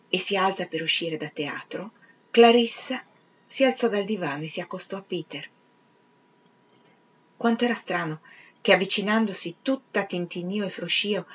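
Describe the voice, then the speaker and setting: A woman's voice: on the low side, slight background noise. Woman reading a novel aloud. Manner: measured, expressive, dropping to a whisper at times. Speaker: reader. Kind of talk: literary audiobook reading. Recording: slightly dull, lo-fi recording.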